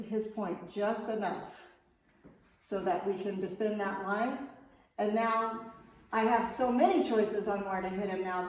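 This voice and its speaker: A woman's voice: mid-range voice, a little mellow. Woman fencing coach in a very echoey room. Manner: informal, checks understanding with okay. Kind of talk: instructional demonstration, explaining step by step.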